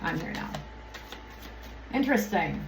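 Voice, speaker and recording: On her channel, a woman gives a spoken oracle card reading that turns into an irritated, rambling rant laced with swearing, and she keeps losing her train of thought. Her voice is fairly low, animated, and unhurried, with background noise and faint ambience in an echoey room.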